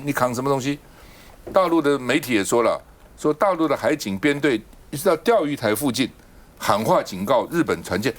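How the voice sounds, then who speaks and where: Fast, lively talk-show man. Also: a little high. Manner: argumentative, fires off rhetorical questions. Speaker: political talk show host. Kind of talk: political talk show commentary.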